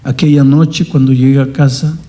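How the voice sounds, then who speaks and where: A man's voice: medium pitch, level tone, normal speed, natural voice. A preacher voicing a bitter young man. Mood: remorseful. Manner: angry shouting, later humble pleading. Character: bitter young man who cannot walk.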